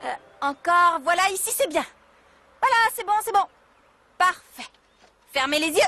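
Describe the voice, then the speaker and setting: An actress playing an excitable, theatrical young woman in a dubbed telenovela, gushing as she talks. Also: extremely high pitch, normal speed, soft background music, exaggerated voice. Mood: excited, giddy.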